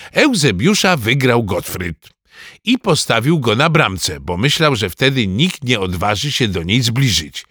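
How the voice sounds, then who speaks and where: A man reading a children's story aloud in a lively first-person boy narrator's manner. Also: mid-range voice, breathy edge, no room sound, clean studio sound. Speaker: audiobook narrator.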